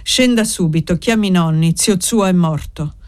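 A woman reading aloud, voicing a young servant woman who speaks in a flat, controlled, curt way. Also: lowish voice, moderate pace, smooth, no room sound, natural voice.

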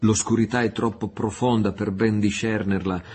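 A man voicing a loyal male sailor, exhausted from swimming, who talks in an excited, breathless way. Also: lowish voice, normal speed, close to an everyday voice. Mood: anxious. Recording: faint music underneath.

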